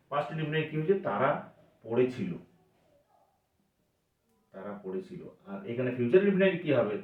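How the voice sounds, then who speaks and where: A man teaching an English grammar lesson, patiently asking questions and then answering them himself. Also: mid-range voice. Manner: patient, asks and answers his own questions. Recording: echoey room, voice from a distance, dull sound.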